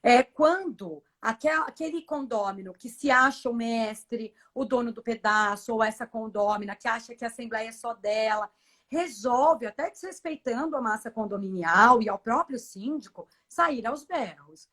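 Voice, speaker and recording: A Brazilian woman with a fairly high voice explains her approach in a live-streamed interview. She speaks firmly and persuasively, pressing her points with emphasis. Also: normal speed, a bit bright. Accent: Brazilian Portuguese. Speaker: professional condo manager.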